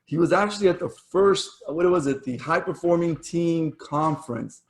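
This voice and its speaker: A man's voice: a little high, normal speed. A man hosting an online community meetup over a video call, chatty and full of fillers, saying he is losing his voice. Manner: chatty, with fillers and self-corrections. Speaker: meetup host.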